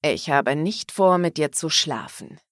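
A woman voicing a domineering, commanding man in an audiobook, speaking in a slow, low, insistent murmur. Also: animated, a bit bright, no room sound, clean studio sound, full character voice. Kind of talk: audiobook character voice.

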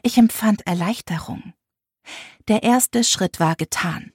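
A woman's voice: medium pitch, slow, darkish tone, breathy edge, no echo, clean studio sound. A young woman narrating a first-person audiobook with an intense, emotional delivery.

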